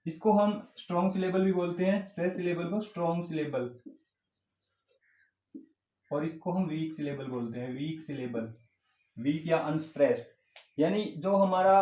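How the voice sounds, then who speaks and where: A man's voice: a little high, darkish tone. Hindi-speaking male tutor in an echoey room. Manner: explains slowly, repeats terms, mixes English into Hindi. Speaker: English tutor. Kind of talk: classroom lecture. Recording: echoey room, dull lo-fi sound.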